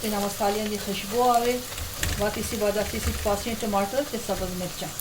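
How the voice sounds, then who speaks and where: Frying and stirring sounds come through clearly as a woman hosts a home cooking tutorial for her channel. She talks fairly quickly in a mid-range voice, keeping things chatty, homely and relaxed as she explains from her kitchen.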